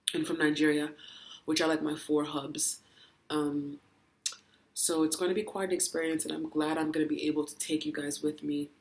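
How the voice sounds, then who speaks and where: Woman mukbang vlogger, flat even delivery, talks over a meal, camera mic indoors. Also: deep voice, slight background noise. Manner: chatty, filler-heavy with frequent ums and likes. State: full, hiccuping and burping. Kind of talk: casual chat while eating. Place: indoors, home in Dubai. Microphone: camera mic, no tripod.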